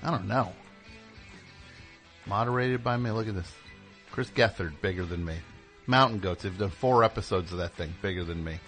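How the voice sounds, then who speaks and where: A man hosting a live radio show, rambling in casual chat with sudden loud yelled bursts. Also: deep voice, moderate pace, long pauses, soft background music.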